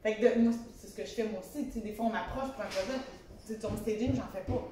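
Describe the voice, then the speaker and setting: A woman's voice: mid-range voice, fast talker, warm tone. A woman with a Québécois French accent conducting a casual conversational interview as a fellow interior designer. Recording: very echoey room, distant mic, faint noise.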